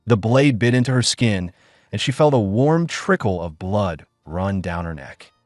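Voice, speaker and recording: A man's voice: lowish voice, expressive, measured pace, no echo. Male narrator, scripted storytelling, dry close sound, faint music behind. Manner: dramatic storytelling reading.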